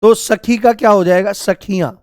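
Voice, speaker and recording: A man's voice: sits high, fairly even intonation, moderate pace, darkish tone, no echo, clean studio sound. A man teaching Hindi grammar in a live online class, repeating key words and asking students for examples.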